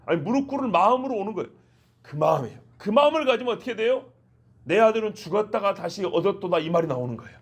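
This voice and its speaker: A man's voice: high voice, sing-song, fast talker, husky. A male pastor preaching an early-morning sermon, acting out short quoted exchanges between people as he explains. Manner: acts out little quoted exchanges in shifting voices. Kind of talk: dawn prayer sermon.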